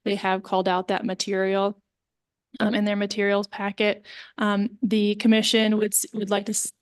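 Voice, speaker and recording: A woman's voice: medium pitch, completely flat delivery, clear, resonant tone. Woman on a cutting-out mic. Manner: halting, many fillers and apologies. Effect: mic cutting out, uneven volume. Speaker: preservation planning staff presenter. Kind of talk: meeting staff report.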